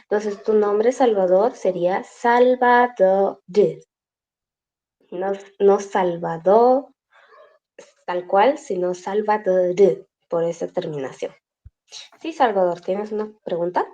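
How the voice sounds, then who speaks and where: A woman's voice: medium pitch, animated, normal speed, warm tone, muffled recording. A woman teaching a language class over a video call, explaining patiently step by step and checking in with her students often.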